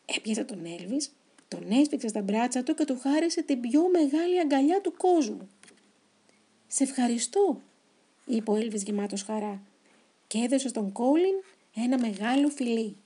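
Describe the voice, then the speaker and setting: Warm-voiced woman reading a children's story. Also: on the high side, breathy edge. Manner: gentle, expressive reading. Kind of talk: reading a children's picture book aloud.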